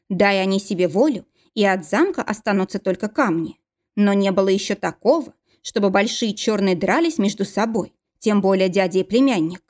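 A woman narrating a fantasy novel in an even, expressive reading voice, with a pitch that sits in the ordinary middle range. Her delivery is steady and measured throughout. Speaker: audiobook narrator. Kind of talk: scripted narration.

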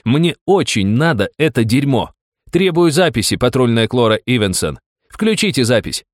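A man voicing a bloodied young man who shouts in reckless, mocking defiance. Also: medium pitch, very animated, normal speed, no room sound, studio quality, voice pushed up, close to an everyday voice. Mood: manic shouting.

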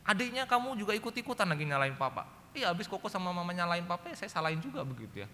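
A man's voice: high voice, sing-song, very fast. A male pastor with an Indonesian accent delivering a sermon, telling a family story and acting out the voices, often addressing the congregation directly. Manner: keeps addressing the congregation as ladies and gentlemen. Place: church hall. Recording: reverberant church hall with faint noise.

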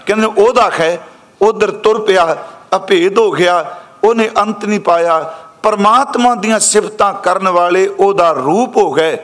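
Male preacher, high voice, methodical scripture commentary. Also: a bit bright. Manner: explains word by word, slowing on verses.

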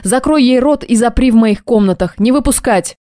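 A woman's voice: on the high side, normal speed, dark tone, no echo, lightly acted. Icy bossy captor guy read by a woman, curt orders, dry close sound. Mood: cold. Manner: cold, curt, commanding. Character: cold commanding man, harsh captor.

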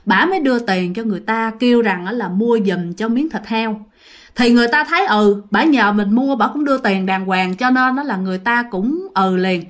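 A woman's voice: a little high, normal speed. Chatty woman storyteller. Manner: chatty, addresses listeners directly. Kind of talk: casual ghost storytelling.

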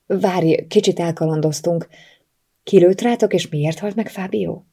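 A woman reading the lines of a young heroine in an audiobook, speaking in a soft, earnest way. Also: on the low side, husky. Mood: curious. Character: young woman, heartbroken but caring heroine.

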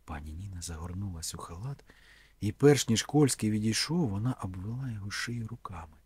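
A man reading a novel aloud in measured, even scripted narration. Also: lowish voice, breathy edge, no echo. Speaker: audiobook reader.

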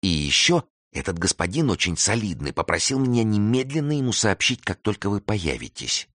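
A man reading an audiobook, voicing an obliging hotel porter in a hushed, confiding tone. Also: on the low side, expressive, fairly quick, no room sound, studio quality, pitched above the performer's own voice, lightly acted. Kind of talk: audiobook character voice.

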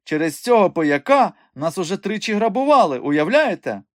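A man voicing a flamboyant, imperious woman who runs a circus, in a high theatrical voice. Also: sing-song, moderate pace, dry recording, clean studio sound. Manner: high-pitched, theatrical, commanding.

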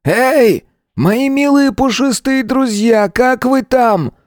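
A man voicing an unhinged male gunman who taunts his victims through a door in a shrill, sing-song shout. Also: slow, dry recording, studio quality. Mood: mocking.

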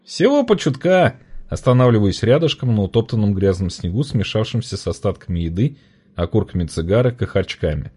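A man narrating a first-person audiobook in an expressive, colloquial storytelling manner. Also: on the low side, brisk, husky.

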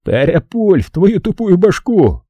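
Man playing a nasty thug, sneers and hisses, husky raised voice. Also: high voice, wildly swooping pitch, unhurried, no room sound, muffled recording, voice pushed up, exaggerated voice. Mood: sneering. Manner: sneering and hissing. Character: sneering hot-headed male thug.

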